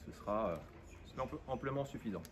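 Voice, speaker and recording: A man's voice: medium pitch, animated, a little fast. Male DIY host, 40s, matter-of-fact, recorded at a distance in a roomy space. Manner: matter-of-fact, explaining each step plainly. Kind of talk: casual step-by-step DIY narration. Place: home room by windows, indoors. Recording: echoey room, distant mic, background noise.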